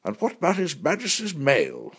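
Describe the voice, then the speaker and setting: A man voicing a gruff, scolding older boss as he reads a memoir aloud. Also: a little high, huge pitch swings, normal speed, a bit bright, pitched above the performer's own voice, exaggerated voice. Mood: grumbling. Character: grumbling older male colonial boss.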